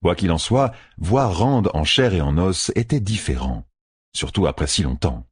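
A man narrating an audiobook in an expressive, measured way, recorded close and dry. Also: deep voice, husky, no echo.

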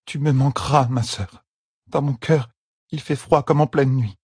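A man's voice: medium pitch, fairly even intonation, measured pace, a little mellow, husky, dry recording, studio quality, pitched above the performer's own voice. A man reading an audiobook, voicing a dignified young warrior woman with a formal, ceremonious way of speaking. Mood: solemn.

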